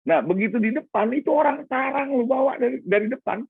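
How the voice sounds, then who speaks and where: A middle-aged man from Indonesia preaching a sermon as a pastor, telling a personal story with animated flair, acting out quoted voices and joking with the congregation. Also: very high-pitched, brisk, gravelly, husky, dry recording. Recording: tinny phone-like band, dry.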